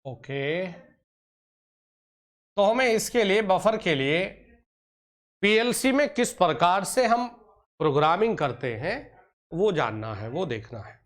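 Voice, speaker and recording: Slow, high-voiced male tutor. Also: very animated. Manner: teacherly, addresses students as "beta" and "pyare bachche", scolds and coaxes; drawn-out slow emphasis on key terms. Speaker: online exam-prep teacher. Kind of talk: online lecture.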